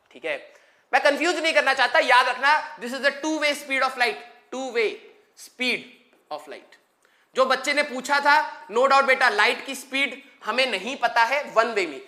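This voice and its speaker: A man's voice: extremely high pitch, bright, forceful tone. A young man from Haryana teaching physics in an online exam-prep lecture, chatty and joking with students, drawing out definitions word by word. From Haryana, India.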